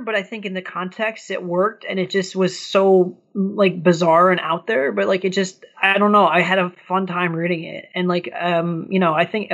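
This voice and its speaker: A man's voice: sits high, fairly bright tone. A man co-hosting a casual podcast, rambling with enthusiasm and swearing casually. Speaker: podcast co-host. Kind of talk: casual chat.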